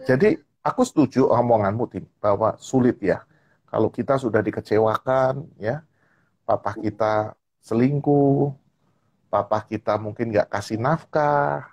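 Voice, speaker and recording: Husky man telling a heartfelt story. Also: mid-range voice, muffled recording. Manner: animated storytelling, repeats "gitu kan ya". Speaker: guest speaker. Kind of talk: casual live-stream chat. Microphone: live-stream call. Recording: online live-stream audio.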